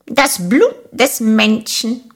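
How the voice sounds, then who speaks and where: A woman's voice: fairly high pitch, lively intonation, extremely slow, heavily acted. A woman voicing a spiteful mosquito in a fable, thin and pointed, drawing her words out. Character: spiteful mosquito that dislikes humans.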